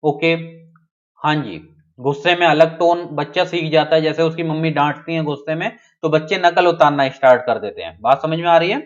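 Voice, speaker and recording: A man's voice: on the high side, brisk. A man teaching a live online class in a somewhat raised voice. He keeps checking in with his students and reads their names aloud as they reply. The sound is dull and lo-fi.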